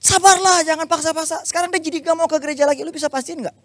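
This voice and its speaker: A man voicing an angry, scolding male friend who shouts at him in slang. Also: extremely high pitch, steady tone, very fast, voice pushed up.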